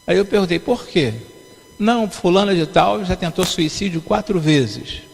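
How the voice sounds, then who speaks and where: A man's voice: sits high, moderate pace, gravelly. A man preaching a sermon as pastor, telling stories and repeating his words as he acts out the dialogue. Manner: repetitive storytelling, acts out dialogue. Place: church sanctuary. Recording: long reverb of a church hall.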